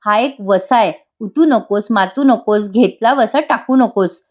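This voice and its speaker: A woman's voice: medium pitch, unhurried, darkish tone, natural voice. A woman voicing a caring middle-aged mother who blesses and advises her son in a voice-over retelling of a TV serial scene. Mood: tender. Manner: tender, advising.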